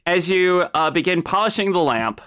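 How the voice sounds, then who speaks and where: A man improvising narration as a tabletop game master, halting and correcting himself as he describes the scene. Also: high voice, lively intonation, fairly bright tone, clean tone.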